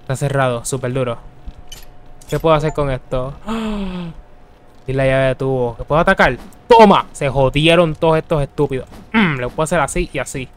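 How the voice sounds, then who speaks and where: A man hosting his gaming channel, commentating a horror game as he plays, chatting to his viewers and yelping and shouting at the scares. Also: on the high side, normal speed. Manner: excitable, yelps and shouts at scares, chats to viewers. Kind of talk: Let's Play commentary.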